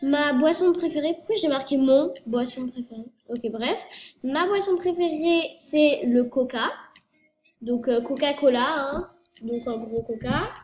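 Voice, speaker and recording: An unhurried, high, slightly mellow voice comes from a French girl in her early teens vlogging on YouTube with a cold-stuffed nose. She rambles casually, leaning on fillers and fixing her own words, in an echoey space with faint noise.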